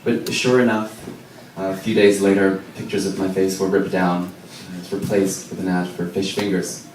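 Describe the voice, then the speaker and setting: Young guy w/ american accent doing standup, lowish voice, lots of ums, echoey club, mic far off. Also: level tone, a little mellow. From Israel. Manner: self-deprecating, halting with ums. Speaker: stand-up comedian. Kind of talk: stand-up set. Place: comedy club. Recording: echoey club recorded from afar, noisy.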